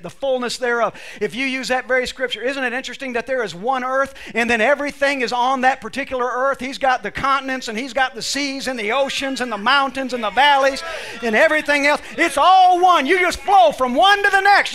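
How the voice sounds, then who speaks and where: During a church service, a man preaches to his congregation in a very high-pitched, sharp voice. He reads scripture with emphatic, repetitive phrasing as his voice gives out.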